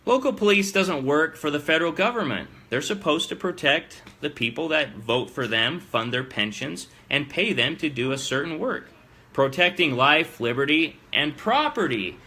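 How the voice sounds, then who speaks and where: Bright, forceful male political show host. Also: fairly high pitch, lively intonation, moderate pace, husky. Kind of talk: political commentary to an audience.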